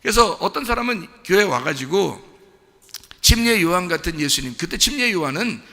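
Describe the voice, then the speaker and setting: Lively, gravelly pastor preaching. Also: male voice, sits high, normal speed, in a large hall. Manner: conversational, quizzes the congregation with repeated questions; acts out quoted voices to make a point. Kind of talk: sermon. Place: church sanctuary.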